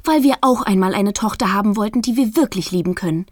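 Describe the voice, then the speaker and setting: A woman voicing a gushing, tearful middle-aged mother with a sharp tongue, speaking high and sobbing. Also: fast, no echo, clean studio sound, lightly acted. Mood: spiteful.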